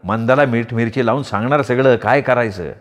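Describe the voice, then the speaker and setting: A man's voice: medium pitch, fairly quick, big-room sound, close to an everyday voice. A man voicing a clumsy, guilty husband who pleads and fumbles for excuses. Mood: regretful.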